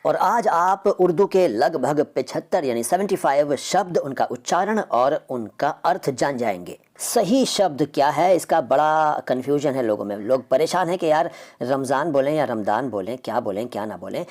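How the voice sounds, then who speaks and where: A man's voice: on the high side, animated, moderate pace, darkish tone. A man from India giving a spoken video lesson, explaining words in an insistent way, with drilling repetition and rhetorical questions. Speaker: video teacher of Urdu words.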